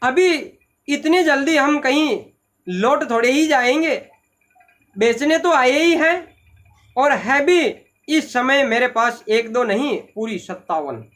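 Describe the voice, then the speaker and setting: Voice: high voice, expressive, slow pace, fairly bright tone, full character voice. A teacher voicing a cheerful male flute seller who patiently coaxes a crowd of eager children to wait their turn. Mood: coaxing. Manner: patient, coaxing, repeats himself.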